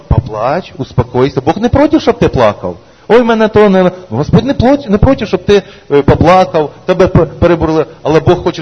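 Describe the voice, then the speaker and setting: Man, pastor, emphatic sermon, raspy voice, dull lo-fi church recording. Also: on the high side, a little mellow. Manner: preaching, repeated "amen", rising emphatic calls. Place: church hall. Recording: echoey church hall, dull lo-fi sound.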